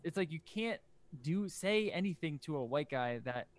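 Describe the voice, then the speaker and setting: A man's voice: fairly high pitch, lively intonation, moderate pace. A young man co-hosting a casual podcast chat, laid-back and easygoing, laughing often. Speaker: podcast co-host.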